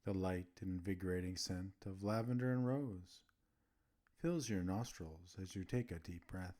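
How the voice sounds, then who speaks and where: A deep-voiced man guides listeners through a scripted relaxation as a meditation host, soothing them and leaving gentle pauses between phrases.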